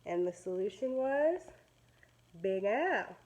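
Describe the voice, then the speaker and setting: Reading a children's story in a mid-range voice, a female teacher performs it expressively and dramatically. She pauses now and then to define words in simple terms for the kids.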